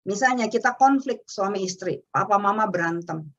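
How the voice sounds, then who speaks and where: Brief: middle-aged Indonesian woman, lively storyteller, slightly dull webinar audio. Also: medium pitch, normal speed. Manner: chatty, animated storytelling with acted quotes. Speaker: webinar speaker on parenting. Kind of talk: casual talk. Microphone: webinar microphone.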